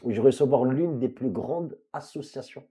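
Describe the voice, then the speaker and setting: A man hosting a talk show, chatting with his guest in a chummy, lively way and slipping into short speeches. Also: medium pitch, normal speed, slightly rough. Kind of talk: casual interview chat.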